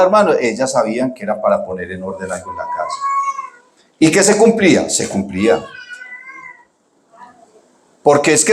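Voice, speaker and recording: A man's voice: on the high side, echoey room. A middle-aged man preaching a sermon, talking to the congregation in a casual, chatty way and calling them brother. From Colombia. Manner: conversational preaching, addresses congregation as "hermano". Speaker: pastor.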